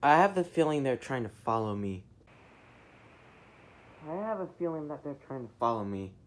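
A woman voicing a secretive young male hedgehog for a plush toy fan show, muttering his schemes in a hushed voice. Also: a bass voice, big pitch swings, normal speed. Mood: scheming.

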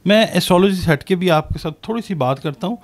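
High-voiced Pakistani man explaining. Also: expressive. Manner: measured, explanatory, peppers speech with English terms. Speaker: astrologer and business professor. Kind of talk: interview answers, predictions.

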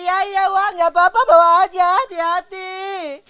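A man's voice: very high voice, little pitch movement, moderate pace, pushed and bright, slight background noise. A man voicing a vain, snappy young village woman who talks dramatically. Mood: gushing.

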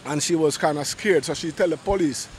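A middle-aged man in a street vox pop, his voice high-ish and brisk, urgently tells a painful personal story and keeps restarting his phrases. He is outdoors on a busy city street, speaking into a handheld interviewer mic held close, with faint traffic and street ambience behind him.

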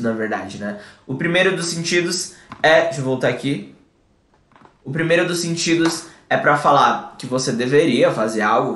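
A man's voice: a little high, a bit bright. Brazilian man teaching English live, echoey room. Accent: Brazilian Portuguese. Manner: explains in Portuguese, models English phrases slowly, reads chat aloud. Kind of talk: live online English lesson. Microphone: desk microphone.

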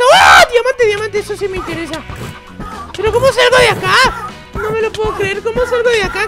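In a Minecraft role-play, the host voices Bebe Timo, an excitable and dramatic baby boy prone to squeaky, shrieking outbursts.

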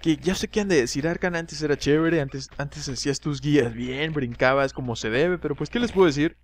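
A man hosting a video game walkthrough, chatting casually, shouting at enemies and joking about his own mistakes. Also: a little high, a little fast. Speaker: gameplay guide host.

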